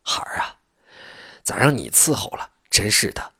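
A man voicing an elderly peasant mother who speaks fondly and gently to her sons, husky-voiced. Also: extremely low pitch, sing-song, normal speed, dry recording, in a whisper, studio quality, exaggerated voice. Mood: tender.

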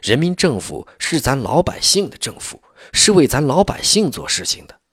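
A man voicing a young communist cadre who reassures poor villagers earnestly, with a husky voice. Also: medium pitch, big pitch swings, moderate pace, fairly bright tone, no echo, studio quality, pitched above the performer's own voice, full character voice. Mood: reassuring.

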